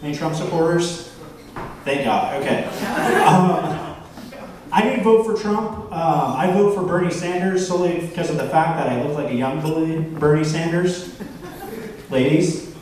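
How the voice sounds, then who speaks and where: A man's voice: a little high, recorded from a distance. Self-deprecating man doing stand-up in a bar. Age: 30s. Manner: self-deprecating, halting with fillers. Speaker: stand-up comedian. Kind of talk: stand-up set. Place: bar stage. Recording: roomy bar, from afar, faint crowd noise.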